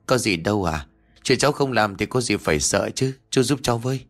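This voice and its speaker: An earnest young clerk speaks politely and pleads for help, voiced by a male storyteller. His tone is low, courteous and deferent, in this storybook reading. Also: animated, a little fast. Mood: pleading.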